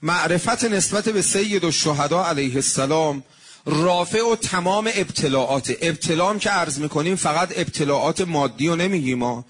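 A man giving an earnest sermon, telling stories and slowing down on devotional phrases. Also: on the high side, a bit bright, slightly rough. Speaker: religious preacher.

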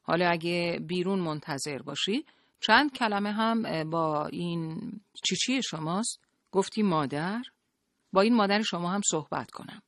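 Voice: medium pitch, a bit bright, no room sound, pitched above the performer's own voice, natural voice. An audiobook narrator voicing a male police interrogator who questions with feigned, cool politeness, in a dry booth sound. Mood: stern. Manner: coolly polite, pressing. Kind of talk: audiobook character voice.

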